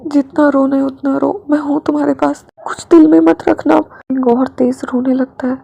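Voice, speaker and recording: A woman's voice: sits high, gravelly, dark tone, husky, rough recording. A woman reading a romantic fan fiction aloud, with emotional asides to her listeners. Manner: emotional, talks straight to listeners. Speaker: storyteller.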